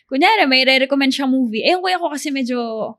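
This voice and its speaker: A young woman in her twenties from the Philippines, co-hosting a podcast in casual chat, a lively, playful storyteller. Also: high voice, quick pace. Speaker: podcast co-host.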